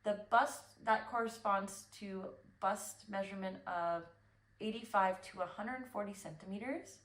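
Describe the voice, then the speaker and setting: A woman's voice: mid-range voice, unhurried, fairly bright tone. Chatty woman in an echoey room. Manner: chatty, rambling, self-correcting with fillers. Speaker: knitting podcast host. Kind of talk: casual chat.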